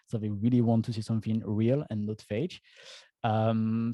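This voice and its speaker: A man with a French accent explains things in a casual, chatty way, often restarting and repeating words. His voice is low and mellow. The recording is dry and close. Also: no echo. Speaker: e-commerce founder and speaker. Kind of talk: casual presentation.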